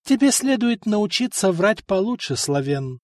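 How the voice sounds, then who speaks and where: A man's voice: high-pitched, sing-song, a little slow, a little mellow, no echo, studio quality, voice pushed up. A man doing a cold, scornful eunuch envoy. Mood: icy scorn. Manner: smooth, condescending, icy.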